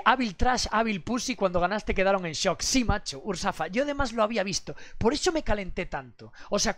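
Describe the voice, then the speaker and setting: A young man from streaming casually, crude and animated, swearing constantly as he talks to his chat. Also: sits high, no echo.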